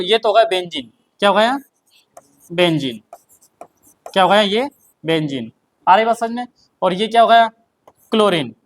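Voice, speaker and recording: A male chemistry teacher with a Hindi accent, lecturing and dictating notes. He keeps asking the class questions and answering them himself, and he repeats key terms slowly. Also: high voice.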